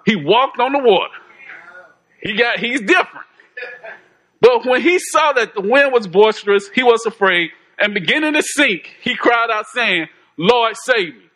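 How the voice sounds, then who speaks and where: A man's voice: very high-pitched, expressive, moderate pace, sharp tone, rough recording. A man preaching an informal sermon in a folksy, conversational way, often repeating phrases and chuckling.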